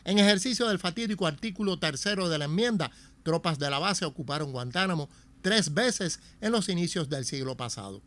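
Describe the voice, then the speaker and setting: Man, Cuban accent, documentary narrator, solemn emphatic reading, slightly high voice. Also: lively intonation, fairly quick, fairly bright tone. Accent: Cuban Spanish.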